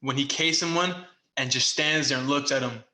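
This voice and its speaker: A young man co-hosting a podcast, telling a baseball story in casual chat and loudly acting out the quotes. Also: mid-range voice, moderate pace. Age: young adult. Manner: animated, acts out quotes loudly. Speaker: podcast co-host, former baseball player. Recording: echoey room.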